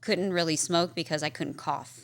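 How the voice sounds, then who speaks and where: A woman telling her story as a guest in a casual interview, chatty and full of "like" and "um", lively when she acts out what people said. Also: low voice, moderate pace, gravelly. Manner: chatty, peppered with "like" and "um"; animated, acts out quoted people. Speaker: podcast guest. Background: interviewer's short backchannels.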